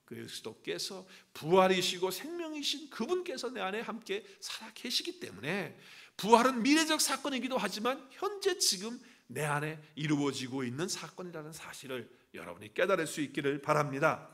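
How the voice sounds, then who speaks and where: Lively Korean pastor preaching a sermon. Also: male voice, high voice, moderate pace, hardly any pauses. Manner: animated storytelling preacher, asks and answers his own questions. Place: church.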